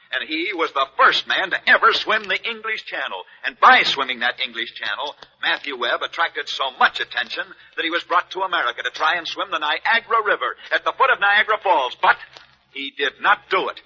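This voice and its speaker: A sports radio host telling strange sports tales in punchy, dramatic 1940s newsreel-style narration on an old broadcast. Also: male voice, on the high side, bright, forceful tone, husky. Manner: punchy, dramatic storytelling delivery. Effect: old newsreel-style radio broadcast sound. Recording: dull lo-fi old radio recording.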